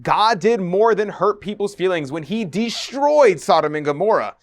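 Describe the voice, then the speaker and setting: Lively high-voiced male narrator. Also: moderate pace. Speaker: host. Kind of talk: scripted narration.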